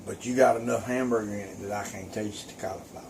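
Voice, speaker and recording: A man's voice: on the low side, fairly even intonation, fast, creaky, darkish tone, slight background noise. Blunt man taste-testing food. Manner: blunt, folksy, dry humor, talks with mouth full. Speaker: taste tester, host's husband. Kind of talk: casual chat while eating.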